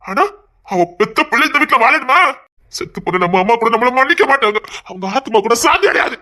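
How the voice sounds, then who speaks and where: A man's voice: very high-pitched, lively intonation, fairly quick, pushed and bright, full character voice. A man with a Tirunelveli accent playing a harsh, hot-tempered young man who gives commands and threats. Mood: stern, angry. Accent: Tirunelveli Tamil. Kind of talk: comedy skit drama.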